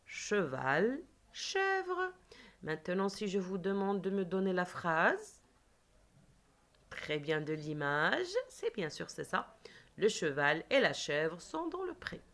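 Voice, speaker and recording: A woman teacher leading a reading lesson for children, speaking slowly and clearly and stretching out words. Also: lowish voice. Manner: slow, clear, lively teacher voice, drawing out words.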